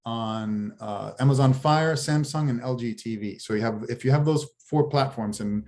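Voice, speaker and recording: A man pitching his streaming app in a casual business chat over a video call, rambling with many restarts. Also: normal speed, darkish tone. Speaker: guest, TV show founder.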